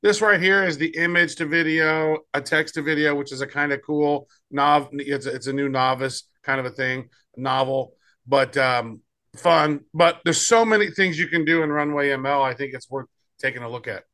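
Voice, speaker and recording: A man's voice: on the high side, steady tone, moderate pace, bright, forceful tone. A man co-hosting a podcast, chatting loosely as he demos tools, often trailing off and restarting. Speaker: podcast co-host. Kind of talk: casual chat demoing tools.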